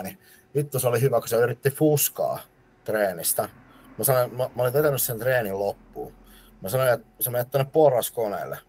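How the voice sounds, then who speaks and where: A man's voice: medium pitch, darkish tone. A man, a personal trainer telling rambling gym stories brashly on a podcast, swearing as he goes. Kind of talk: casual podcast chat.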